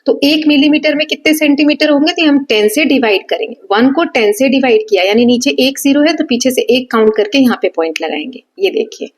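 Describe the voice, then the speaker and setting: A woman's voice: high voice, fairly quick, hardly any pauses. A woman teaching a maths revision lesson at a board. She explains step by step, mixes Hindi with English terms and often checks that students follow. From India. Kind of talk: exam revision lesson at a whiteboard.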